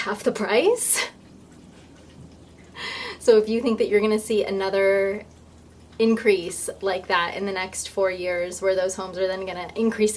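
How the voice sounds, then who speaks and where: A woman chatting casually and informally to her viewers as a vlogger, often thinking aloud, with some noise in the recording. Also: medium pitch. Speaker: vlogger and real estate agent. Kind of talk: casual vlog chat.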